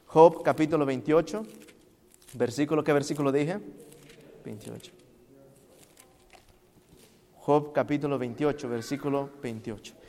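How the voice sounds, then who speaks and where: A male preacher delivers a sermon with a somewhat high voice, asking the congregation questions and building from hushed passages to loud, fervent peaks. His voice carries a long reverb, as if filling a large church hall. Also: steady tone, moderate pace. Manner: swings from quiet to loud, impassioned preaching.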